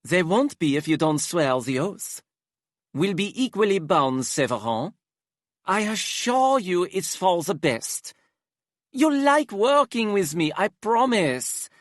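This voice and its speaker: A man's voice: sits high, sing-song, slow, no echo, clean studio sound, voice pushed up, heavily acted. A man voicing a flamboyant, menacing young man who speaks in a sing-song, theatrical drawl and drops French endearments. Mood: boastful.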